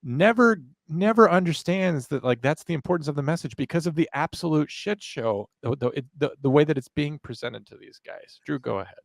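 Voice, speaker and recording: A man's voice: fairly high pitch, lively intonation, brisk, creaky, few pauses, no echo. A man hosting a casual commentary show, explaining things in a sardonic way.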